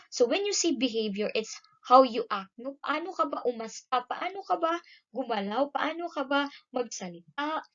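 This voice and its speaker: Filipino woman teacher, raised pitch, animated classroom delivery, muffled lo-fi recording. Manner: code-switching, frequent "no?" tag questions, lively emphasis. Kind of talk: classroom lesson.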